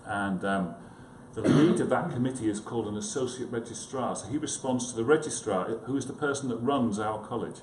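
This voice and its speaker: A male psychiatrist gives a casual conference talk in an echoey indoor room with a clearly noisy background. His voice is medium-pitched and darkish, and he speaks fairly quickly with hardly any pauses. He comes across as hesitant and self-deprecating, tossing chatty asides to the audience.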